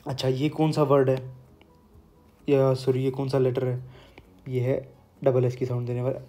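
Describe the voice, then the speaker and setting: Young man, patient language teacher, mellow even voice, faint music behind. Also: mid-range voice. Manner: patient, repeats words slowly for pronunciation. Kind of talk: explaining lesson while writing on a board.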